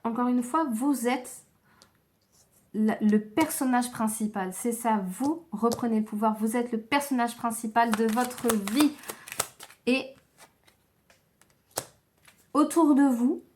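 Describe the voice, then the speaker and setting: Tired, gentle woman reading tarot. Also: fairly high pitch, a little hiss or hum. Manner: slow, gentle, reflective delivery with hesitations. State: tired and low-energy. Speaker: tarot card reader. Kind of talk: tarot reading addressed to viewers.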